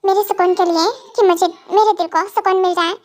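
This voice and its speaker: A very high-pitched, brisk voice with fairly even intonation brings a vengeful young male mafia boss to life in an amateur fan dub. The reader sounds anxious and bossy, moving from brooding threats into fussing.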